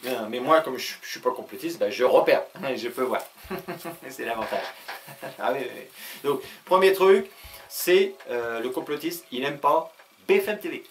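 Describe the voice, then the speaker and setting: A man hosting his own video channel in a casual comic monologue, rambling with many hesitations and frequent chuckles. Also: medium pitch. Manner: talks fast.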